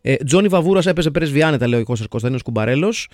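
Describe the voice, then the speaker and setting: A man hosting a casual podcast chat, reading listener comments in a quick, jokey way. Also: fairly high pitch, lively intonation, a little mellow, no echo, studio quality. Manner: jokey, quick, mixes English phrases. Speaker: podcast host.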